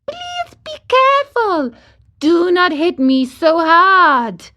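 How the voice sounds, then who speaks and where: A woman's voice: very high voice, very animated, takes it slowly, pushed and bright, voice pushed up, exaggerated voice. A woman voicing the tiny, childlike, pleading voice of a talking log in a storybook reading. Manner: beseeching, squealing, giggling.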